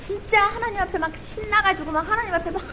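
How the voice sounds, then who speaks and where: A woman pastor giving an animated testimony sermon, telling a story with fervor and breaking into bits of hymns. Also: very high-pitched, fast, background noise. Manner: animated storytelling, sings hymn snippets, fervent.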